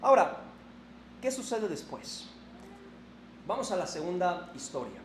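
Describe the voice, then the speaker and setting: Pastor guy preaching, kinda high voice, echoey church room w/ faint hum behind. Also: a little slow. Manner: animated, shifts from raised emphasis to soft reflective tone. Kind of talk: sermon. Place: church sanctuary.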